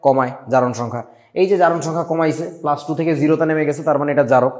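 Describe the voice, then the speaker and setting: A young man leads an online chemistry class, and his voice sits a little higher than most men's. He is blunt and mocking, drops in English terms, and keeps firing questions at his students. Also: steady tone, very fast, darkish tone. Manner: blunt, scolding, mixes English words, quizzes students. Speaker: chemistry teacher.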